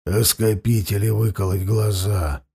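A man doing a hoarse, furious blind captive. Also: lowish voice, steady tone, unhurried, pitched below the performer's own voice, heavily acted. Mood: bitter hoarse. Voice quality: hoarse, hissing. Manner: bitter, shouting in rage.

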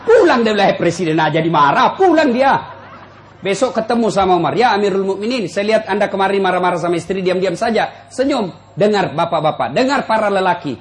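A man preaching a humorous sermon to a live audience, addressing them directly and acting out quotes with big jumps in pitch. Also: expressive, brisk. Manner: jokes, addresses listeners directly. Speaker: Islamic preacher.

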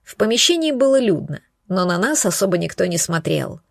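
A woman's voice: fairly low pitch, big pitch swings, fairly quick, vocal fry, dry recording, studio quality. A woman narrating a first-person romance novel in an intimate, emotional way. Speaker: audiobook narrator.

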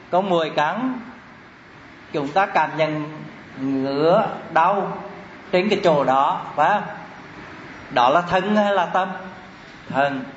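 A man teaching a Buddhist doctrine class, asking the room questions and chanting terms slowly. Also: on the high side, a bit bright. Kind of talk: classroom dharma lesson. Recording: echoey room, dull lo-fi sound, faint hiss.

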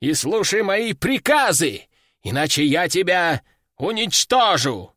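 Stern old sorcerer played by a man, commanding, harsh, lively rising pitch, dry recording. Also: takes it slowly, dry recording, exaggerated voice. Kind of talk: audiobook character voice.

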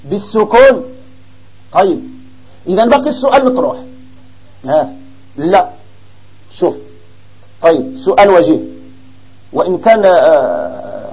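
A man with a Moroccan accent teaching an Arabic grammar lesson to a class, explaining slowly and quizzing his students. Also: high-pitched, muffled recording. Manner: explains slowly, asks the class questions, mixes in dialect.

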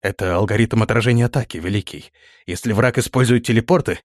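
A man's voice: on the low side, fast, no room sound, clean studio sound, natural voice. A man voicing a formal, rule-bound palace guard officer who speaks steadily. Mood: dutiful, formal. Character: dutiful, stiff male palace guard officer.

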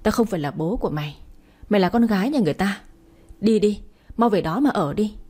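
A woman voicing an enraged father in his seventies who shouts harsh, scolding words at his daughter in a storybook. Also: mid-range voice, animated, fast talker, husky. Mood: furious.

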